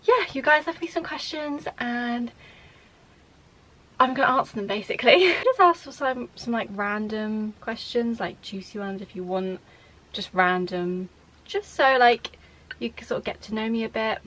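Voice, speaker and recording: A young woman talks straight to her camera at home in a casual Q&A vlog. She rambles cheerfully, laughs between thoughts and sounds a little out of breath. Her voice sits slightly high. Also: moderate pace, fairly bright tone, low-quality recording. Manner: bubbly, rambling, laughs often. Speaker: vlogger. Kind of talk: chatty Q&A vlog. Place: at home, indoors.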